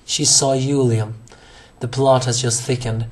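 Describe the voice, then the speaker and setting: A hoarse young man reviews an anime episode alone, rambling with lots of fillers, restarts and self-corrections. His voice sits at a medium pitch, a little mellow, with a flat delivery and a slightly slow pace.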